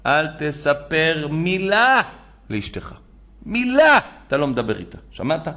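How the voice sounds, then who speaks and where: A man's voice: a little high, wildly swooping pitch, pushed and bright, heavily acted. A man voicing an elderly rabbi who gives firm, insistent orders and repeats himself for emphasis.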